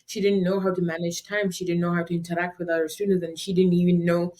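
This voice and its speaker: An animated young woman from Afghanistan talks through her story as an interview guest. She speaks quickly, laughs often and acts out the voices of the people in her story. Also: lowish voice. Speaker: guest, nonprofit founder. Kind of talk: conversational storytelling.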